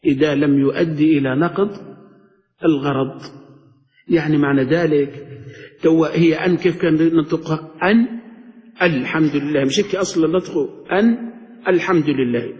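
A man's voice: on the high side, normal speed, long pauses. A man, a sheikh teaching a grammar class, explaining step by step and quizzing his students. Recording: dull lo-fi recording in a reverberant hall.

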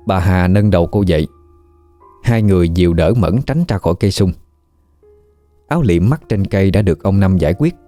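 Brief: male horror narrator, low and mellow, measured delivery, faint music behind. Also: lively intonation, no room sound. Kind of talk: scripted horror story narration.

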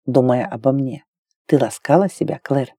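A woman voicing a confident, teasing adult man in an audiobook, speaking low and hushed. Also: moderate pace, husky, no room sound, clean studio sound. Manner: low, hushed, intimate delivery.

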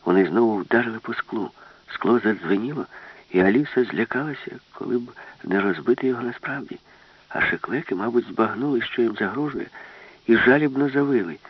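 A man narrating an audiobook with a lively, expressive reading. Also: mid-range voice, fairly quick, slightly rough, dry recording. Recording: dull, lo-fi, dry.

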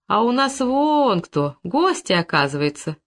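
A reader voicing a cheerful, chattering village housewife in an audiobook, pitched up high and bustling. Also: expressive, fairly quick, a bit bright. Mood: chirpy. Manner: chirpy, bustling.

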